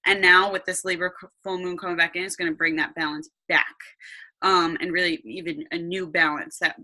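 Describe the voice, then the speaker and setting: A woman's voice: on the low side, little pitch movement, a little fast, pushed and bright. A woman hosting a meditation session, chatting informally to her followers and hesitantly thinking aloud. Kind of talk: casual chat to followers.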